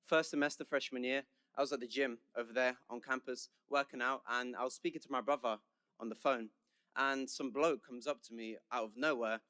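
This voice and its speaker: A man's voice: mid-range voice, fairly even intonation, fairly quick, sharp tone, clean tone, dry recording, studio quality. A young man with a London English accent giving a chatty, joking commencement speech as the senior class speaker. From London, England. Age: young adult.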